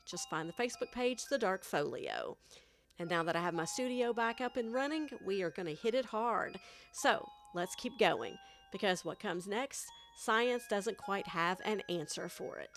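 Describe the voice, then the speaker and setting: Woman with a country accent telling a dark tale. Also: medium pitch, animated, unhurried, soft background music. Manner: hushed dramatic storytelling. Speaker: podcast host. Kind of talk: scripted spooky narration. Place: home studio. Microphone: studio mic.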